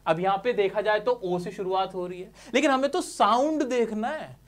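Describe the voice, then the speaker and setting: A man's voice: sits high, moderate pace. A man teaching English grammar, explaining step by step, often asking his listeners questions and answering them himself while calling them dear friends.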